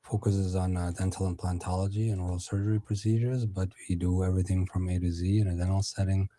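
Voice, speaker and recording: A man's voice: low-pitched, flat delivery, quick pace, mellow, no echo. A middle-aged man from Iran, a dentist, answering podcast questions with many fillers and restarts. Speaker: dentist and conference founder.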